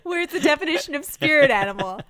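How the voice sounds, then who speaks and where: A woman's voice: sits high, lively intonation, fast, fairly bright tone, no echo, clean studio sound. A young woman from Canada with a Canadian accent, co-hosting a podcast in casual, chatty talk full of "like". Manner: chatty, laughing, many "like" fillers. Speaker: podcast co-host. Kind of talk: casual chat.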